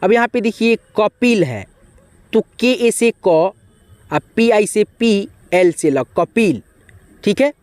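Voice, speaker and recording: A man's voice: high voice, expressive, slow, a little mellow, no echo. A man teaching beginners to spell names, patiently spelling out letters and talking directly to his viewers. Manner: patient, repeats friendly asides to viewers.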